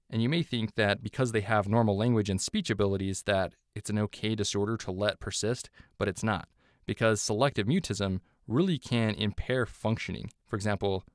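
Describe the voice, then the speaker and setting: A man giving a scripted medical lecture, explaining clearly and offering memory hooks. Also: lowish voice, dry recording, studio quality.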